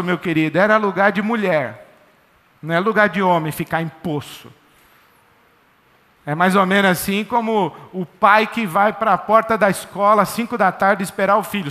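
Lively preacher in echoey church. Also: male voice, high-pitched. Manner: lively, conversational, jokey storytelling. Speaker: pastor. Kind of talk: sermon.

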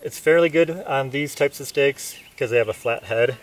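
At normal speed and in a mid-range voice, a gear reviewer tries camping hammers out in the woods and narrates his thinking in a plain, matter-of-fact way. The pine forest setting is heard through a faraway camera mic with faint noise.

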